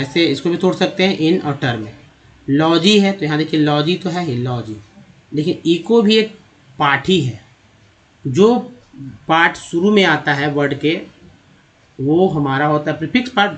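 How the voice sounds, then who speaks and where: A man gives a slide lesson on reading English. He spells out letter groups one at a time and sounds out each word part. His voice sits a little high for a man. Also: a bit bright. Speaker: English teacher.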